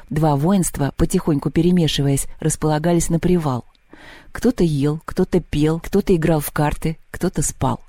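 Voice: mid-range voice, dry recording, studio quality. Чтец аудиокниги, мягкий тёплый тембр, размеренно и выразительно. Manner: measured, expressive reading. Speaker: narrator. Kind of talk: audiobook narration.

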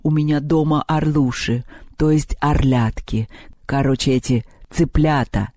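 A man voicing a pompous, gallant male eagle in a storybook reading, speaking slowly and grandly. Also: steady tone, mellow, dry recording, lightly acted. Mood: whining. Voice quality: slow, deep, theatrical.

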